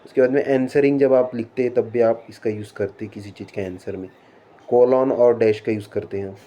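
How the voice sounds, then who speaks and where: मराठी लहजे वाला एक आदमी अंग्रेज़ी व्याकरण की कक्षा पढ़ाता है, अंग्रेज़ी नियम धीरे-धीरे पढ़ता है और फिर हिंदी में सवाल पूछकर समझाता है।. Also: male voice, medium pitch, fairly even intonation, mellow. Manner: reads English rules slowly, then explains in Hindi with rhetorical questions. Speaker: English teacher. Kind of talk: classroom lesson explaining punctuation.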